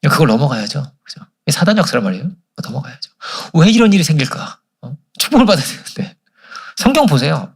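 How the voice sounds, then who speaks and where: A man's voice: a little high, very animated, quick pace, creaky, hardly any pauses, husky. A man preaching a sermon as pastor, asking the congregation questions and answering them himself. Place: church service.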